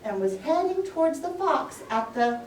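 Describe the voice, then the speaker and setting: A woman with a high, sing-song voice tells a story to a pre-school class, using simple phrases and lively expression at a moderate pace. This live narration was picked up by a distant mic in an echoey room with faint noise.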